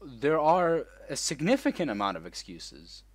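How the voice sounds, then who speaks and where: A man's voice: fairly high pitch, sing-song, moderate pace, dry recording. Blunt, swearing young man, dry close mic. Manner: crude, blunt and swearing, with false starts. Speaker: co-host. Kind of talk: casual podcast chat.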